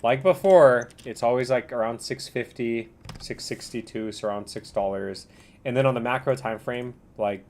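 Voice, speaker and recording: A man hosting a casual livestream commentary, talking in a slangy bro style with a rambling, halting delivery. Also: medium pitch, darkish tone. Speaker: livestream host reviewing cryptocurrency charts.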